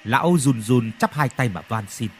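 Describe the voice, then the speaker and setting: A man narrating a ghost story in an expressive, dramatic storytelling manner. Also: medium pitch, normal speed, slight background noise.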